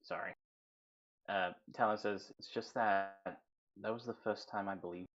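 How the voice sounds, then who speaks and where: A man with a deep, low voice talks in a measured, formal way during an online tabletop game. His mic crackles and keeps cutting out, and the sound comes through dull and lo-fi. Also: steady tone, a bit bright. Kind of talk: casual online game chat. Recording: dull lo-fi voice-call mic with dropouts.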